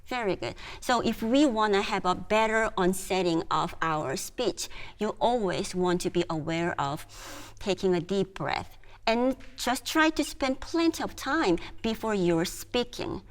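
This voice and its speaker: A woman, patiently leading a group through voice and breathing exercises as a music therapist. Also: medium pitch. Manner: slow, patient coaching with demonstrated sounds.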